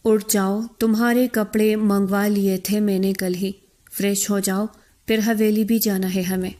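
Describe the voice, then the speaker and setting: A woman's voice: mid-range voice, flat delivery, dark tone, natural voice. A woman voicing a bold young bride who talks carelessly yet firmly in a storybook reading. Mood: carefree. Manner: carefree and firm. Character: bold, stubborn young bride, fiercely determined.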